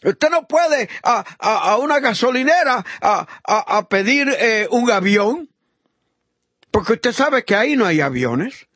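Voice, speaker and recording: A man preaching a fervent sermon, swinging between loud high exhortation and low murmured praise, acting out the voices of the people in his story. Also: very animated, measured pace, no echo. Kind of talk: impassioned sermon.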